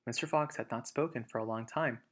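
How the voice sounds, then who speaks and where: A man's voice: mid-range voice, a little fast, heavy background noise. A man reading a children's storybook aloud, narrating and explaining to young listeners. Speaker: storybook reader.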